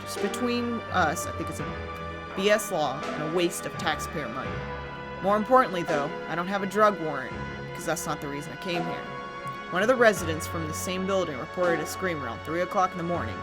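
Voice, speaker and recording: A woman's voice: on the low side, expressive, brisk. Lady doing a well-built cop guy in a spooky story, blunt, easygoing questions, music under it. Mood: frank. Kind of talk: horror story character dialogue.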